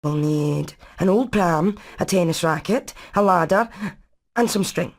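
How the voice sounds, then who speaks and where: A woman with a fairly low voice and measured pace performs a video game role: a smart, practical hen engineer with a Scottish accent. She sounds thoughtful and speaks in a technical, matter-of-fact manner, typical of animated game voice acting.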